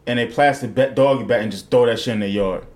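A young adult man hosts a podcast, bantering casually with his co-hosts and telling rambling stories full of profanity. His voice is medium-pitched with a darkish tone, and he talks quickly.

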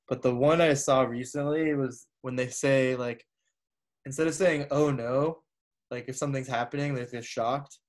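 A man co-hosting a casual podcast chat, opinionated and joking as he explains his pet peeves. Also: medium pitch. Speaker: podcast co-host.

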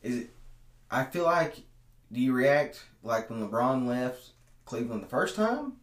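A man's voice: mid-range voice, big pitch swings, a little slow. A man co-hosting a casual sports podcast, talking in a loose, laid-back way. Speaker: podcast co-host. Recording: roomy echo.

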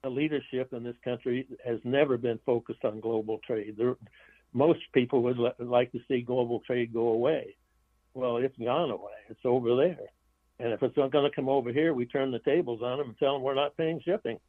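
A man's voice: medium pitch, fairly even intonation, a little fast, no echo. Male author guest, rambling and blunt, heard over a tinny dry phone line. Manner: rambling, restarts phrases, blunt opinions. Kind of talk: casual interview talk.

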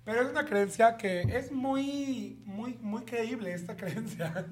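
A man with a Mexican accent, co-hosting a podcast and telling an animated, crude story full of slang and jokes. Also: extremely high pitch, slow pace. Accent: Mexican Spanish. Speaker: podcast co-host. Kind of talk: casual chat.

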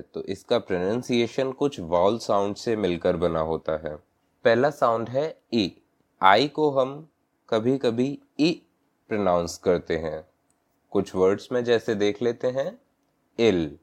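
Slow, low-voiced male English tutor. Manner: slow, deliberate, spells words letter by letter. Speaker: English teacher. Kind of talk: recorded language lesson.

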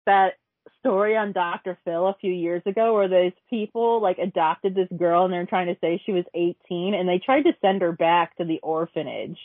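A woman's voice: on the low side, moderate pace, dry recording. A woman in casual chat, rambling with many fillers and frequent laughs. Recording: dry, phone-like audio.

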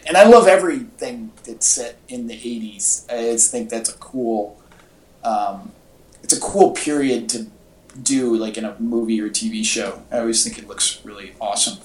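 Here a male podcast co-host chats informally about pop culture, sounding like an enthusiastic fan. The voice is mid-range, a little mellow, at normal speed, recorded with echoey room acoustics.

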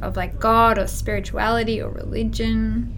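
A woman's voice: fairly high pitch, level tone, moderate pace, a bit bright, slight background noise. A woman hosting a faith podcast, reading the intro and asking interview questions. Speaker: podcast host.

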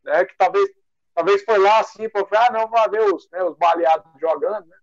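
A man with a high voice tells stories in a lively, rambling way, full of fillers. The sound is dry and dull, like audio from a muffled remote call. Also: normal speed, no echo. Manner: animated, rambling with many fillers. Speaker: guest athlete. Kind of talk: casual interview storytelling.

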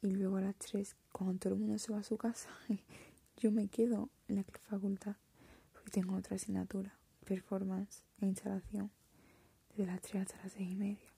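Whispering young woman, breathy and gravelly. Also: medium pitch, level tone, normal speed, dry recording. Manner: soft whisper, hesitant and reflective. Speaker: art student. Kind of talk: whispered confessional vlog.

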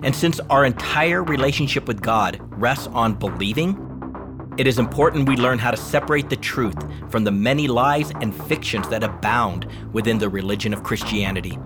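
A man presents a scripted Bible teaching podcast in a mid-range voice. He reads measured and deliberate, slowing down on key phrases for emphasis. His delivery is steady and earnest throughout. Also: medium pitch, over music.

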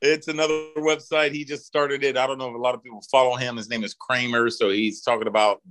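A man's voice: mid-range voice, level tone, fast talker, a bit bright. A middle-aged man talking as a podcast guest in casual chat, rambling with lots of fillers and restarts. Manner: rambling, drawling talk with frequent fillers and restarts.

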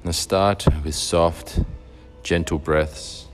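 A man leading a guided meditation in a slow, soft and soothing way. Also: deep voice, steady tone. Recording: faint music behind.

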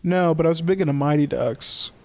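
A man's voice: a little high, a little fast, dry recording. A young adult man co-hosting a sports podcast, chatting casually and filling his talk with "like". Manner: filler-heavy, lots of "like". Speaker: podcast co-host. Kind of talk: casual chat.

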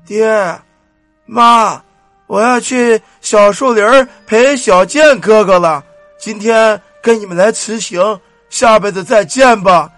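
Possessed teenage girl in a ghost story, slow and hollow, played by a man. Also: sits high, fairly bright tone, dry recording, soft background music, full character voice. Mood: eerie.

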